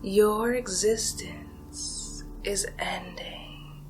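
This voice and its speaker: A woman with a mid-range voice plays a seductive, menacing vampire in an ASMR horror roleplay, using a breathy, drawn-out half-whisper full of hypnotic, teasing menace. Soft music plays behind her, and the mood is one of soothing menace.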